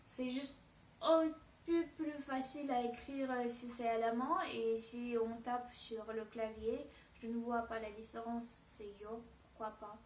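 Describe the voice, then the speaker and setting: A woman's voice: fairly high pitch, steady tone, measured pace, roomy sound, far from the mic, slight background noise. A woman with a Russian accent giving a pronunciation lesson, speaking hesitantly and repeating example words. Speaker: Russian language teacher. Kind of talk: language lesson.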